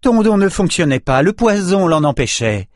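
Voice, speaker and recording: A man reading an audiobook, voicing an indignant, scolding female sorceress who was once the hero's mentor, pitching his voice higher for her. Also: very animated, normal speed, no echo, studio quality. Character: fierce female sorceress, exasperated former mentor.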